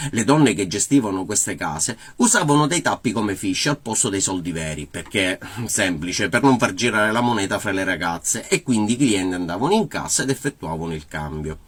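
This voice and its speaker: Lively man explaining dialect. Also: lowish voice, breathy edge. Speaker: host of a dialect explainer channel.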